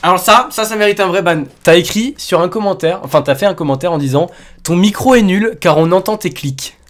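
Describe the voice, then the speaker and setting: A man hosting a casual call with his fans, excitable and teasing, joking and then taking it back, with sudden shouts. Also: high voice, a little fast. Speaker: YouTuber host calling subscribers. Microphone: computer mic on a voice call.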